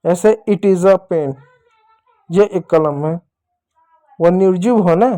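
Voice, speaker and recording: A man's voice: high-pitched, takes it slowly, warm tone. A man teaching young children in a patient lesson style, repeating each step and asking questions that he answers himself. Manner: patient, repetitive explaining, asks questions and answers them himself.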